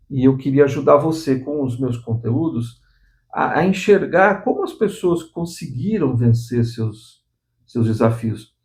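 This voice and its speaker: A channel host in his sixties talks earnestly to his viewers to motivate them, repeatedly restarting phrases and adding tag questions. He has a mid-range voice with a darkish tone.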